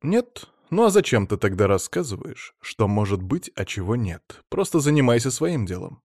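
A man voicing a gruff, sarcastic female soldier in an audiobook, grumbling and rude. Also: mid-range voice, sing-song, normal speed, darkish tone, no echo, clean studio sound. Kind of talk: audiobook reading.

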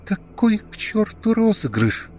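A man's voice: big pitch swings, a little slow, soft background music, full character voice. A man voicing a frantic young woman who screams and sobs in desperation. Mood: sobbing. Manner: shrill, desperate shouting.

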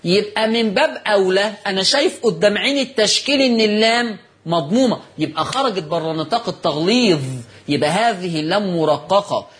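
A man with an Egyptian accent hosting a broadcast recitation lesson. He asks his listeners questions, answers them himself, and reads notes slowly with stress on key words. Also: high-pitched, expressive, a bit bright. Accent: Egyptian Arabic. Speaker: Quran recitation teacher and TV host.

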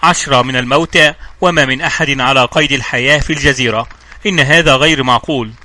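A man's voice: medium pitch, quick pace. A man voicing an irritated senior police chief questioning his inspector in an audiobook. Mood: exasperated. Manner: sharp and exasperated.

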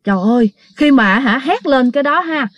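A woman's voice: sits high, lively intonation, moderate pace, no echo, highs cut off. A woman telling a ghost story in a casual, chatty way, talking straight to her listeners. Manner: chatty, addresses listeners directly, many fillers.

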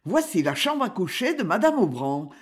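The narrator reading the lines of an excitable male police inspector in an audiobook, speaking in startled exclamations. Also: mid-range voice, moderate pace, lightly acted.

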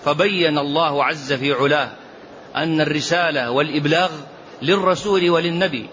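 In this religious lesson on a poem, a male sheikh talks fairly quickly in a fairly high, fairly bright voice, stressing his words, repeating phrases and stretching out quoted verses. The lecture audio is dull and lo-fi, with faint ambience and a little hiss or hum.

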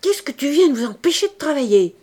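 A woman voicing a middle-aged male crook who scolds his daughter in a grumbling, hushed way. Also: high voice, big pitch swings, a little fast, pitched above the performer's own voice. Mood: irritated.

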